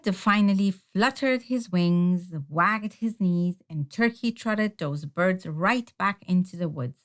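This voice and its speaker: Pitched on the low side, a woman's voice reads a children's picture book aloud. She tells it with expression and deliberate pacing.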